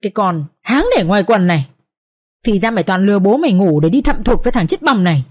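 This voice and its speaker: Woman playing furious young master, yelling insults, high raised voice, audiobook. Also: very animated, brisk, no room sound, studio quality. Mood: raging. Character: enraged young master, eldest son, violent.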